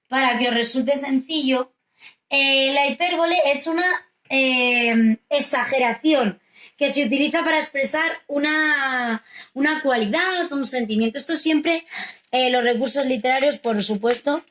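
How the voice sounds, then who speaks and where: A woman's voice: high-pitched, unhurried, fairly bright tone. A woman teacher, explaining a grammar and literature lesson to children and often checking they follow. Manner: explains patiently, asks rhetorical checks like "vale?". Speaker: primary school teacher. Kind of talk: recorded remote lesson for children.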